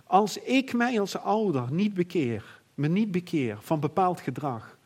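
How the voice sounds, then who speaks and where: A middle-aged man preaching a sermon in an earnest, reflective way, often pausing and restarting. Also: sits high, lively intonation, a little mellow, slightly rough.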